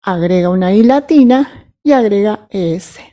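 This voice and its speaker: A woman teaching English grammar, patiently checking that her students follow and spelling out examples slowly. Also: mid-range voice, lively intonation, mellow. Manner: patient, checks understanding with frequent "¿sí?" and "¿mm?". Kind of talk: recorded grammar lesson.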